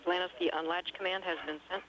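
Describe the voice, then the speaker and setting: A woman's voice: on the low side, fairly even intonation, very fast, fairly bright tone, poor audio. A woman working as a mission control communicator, giving clipped, procedural space-to-ground calls over a radio link. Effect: radio transmission.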